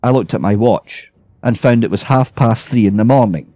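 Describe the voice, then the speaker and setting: Guy reading a ghost story out loud, warm low tone, dry close sound. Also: no echo, soft background music. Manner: measured first-person storytelling. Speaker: reader. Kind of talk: scripted storybook narration.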